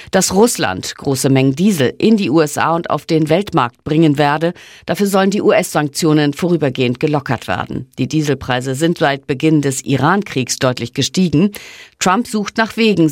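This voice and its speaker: A woman's voice: deep voice, no room sound. A woman reads scripted radio news as a studio anchor.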